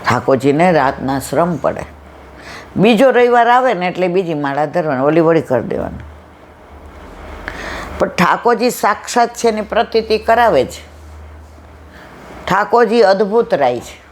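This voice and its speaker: A woman's voice: lowish voice, normal speed, pauses often, a little hiss or hum. Gujarati woman telling devotional stories. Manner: lively storyteller acting out dialogue. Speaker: satsang speaker. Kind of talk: devotional storytelling talk.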